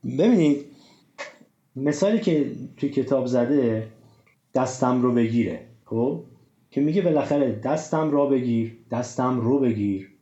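A man's voice: mid-range voice, mellow. A man hosting a casual discussion, explaining with many examples and hesitant fillers. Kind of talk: casual discussion of Persian writing rules. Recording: roomy, dull lo-fi sound.

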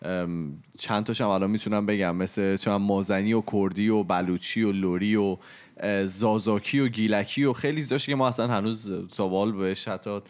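A man's voice: on the low side, steady tone. A man hosting a casual podcast chat, prompting his guest and musing with many fillers. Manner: prompting, joking, halting with fillers.

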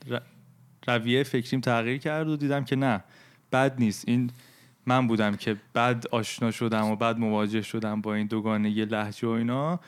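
Man, light Isfahani accent, reflective storyteller in a casual podcast chat, mid-pitched voice. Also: level tone, clear, resonant tone. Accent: Persian, light Isfahani. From Isfahan, Iran. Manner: reflective, hesitant, laughs at himself.

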